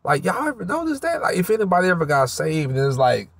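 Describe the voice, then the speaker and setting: Teary man giving halting testimony. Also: high voice, wildly swooping pitch, creaky, no room sound. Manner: halting, rambling, searching for words. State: teary, voice slightly mushy. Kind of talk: emotional spoken testimony to camera. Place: outdoors, park by the roadside.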